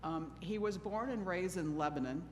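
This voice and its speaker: A middle-aged Oregon woman runs a church panel discussion, chatty and a bit jittery, cracking self-deprecating jokes and laughing. She speaks at a moderate pace with a fairly low pitch, and the hall adds long reverb over a faint noise floor.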